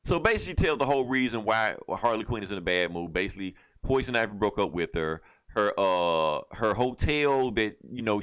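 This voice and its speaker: A podcast co-host with a fairly low, fairly bright voice goes through a comic book plot in casual, wandering fashion, using slang and plenty of curse words.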